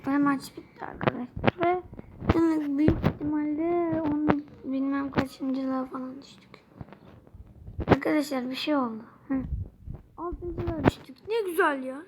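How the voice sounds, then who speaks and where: Young woman with a Turkish accent, high voice, gaming commentary for her viewers, chatty and quick to get frustrated, noisy home recording. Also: fairly even intonation. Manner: chatty, easily frustrated, addresses viewers constantly. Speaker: gaming channel host. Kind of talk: mobile game commentary.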